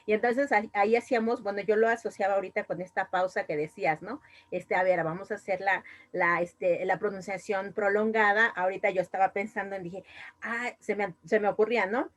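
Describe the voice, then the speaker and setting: A woman's voice: medium pitch, steady tone, fairly quick. Rambling Mexican woman with many fillers. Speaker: speech therapist, audience participant. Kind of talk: online panel comment. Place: video call.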